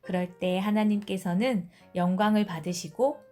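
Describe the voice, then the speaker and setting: A woman telling a scripted Bible story for children in a gentle way, asking her listeners questions. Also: mid-range voice, normal speed, soft background music.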